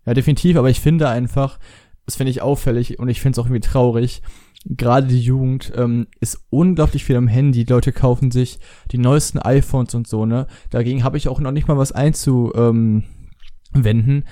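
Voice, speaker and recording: A young man in casual chat, hesitant with frequent pauses and restarts. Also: medium pitch, fairly even intonation, mellow, no room sound, clean studio sound.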